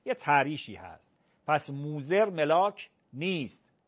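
Lively, slow-teaching cleric man. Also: a little high, husky, dull audio. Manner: slow, deliberate, repeats phrases to teach pronunciation. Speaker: cleric answering religious questions. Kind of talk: call-in religious question and answer.

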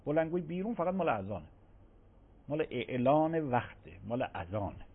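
A man's voice: mid-range voice, very animated, slightly rough. A man, a cleric, answering religious questions on a radio call-in show, emphatic and given to repeating himself. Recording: phone-like radio broadcast.

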